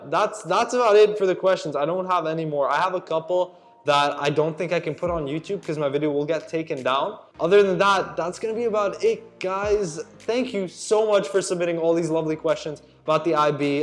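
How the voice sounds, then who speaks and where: A man's voice: fairly high pitch, moderate pace, hardly any pauses. A teenage boy from Slovakia answering viewer questions in a casual vlog, chatty and earnest, calling his viewers guys and dude. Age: teens. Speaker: student YouTuber. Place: at home at night.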